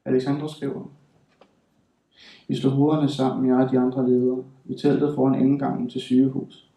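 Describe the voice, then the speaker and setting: A man's voice: mid-range voice, little pitch movement, warm tone, recorded from a distance. Man reading in a roomy hall. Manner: measured, deliberate delivery with slow emphatic stretches. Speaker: author reading his own work. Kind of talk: literary reading. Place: reading hall at a writing school.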